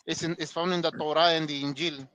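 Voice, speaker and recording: A man's voice: on the high side, little pitch movement, fast, fairly bright tone, no room sound. A man on a group voice call, explaining hesitantly with many fillers and repeated words. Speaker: participant in group discussion.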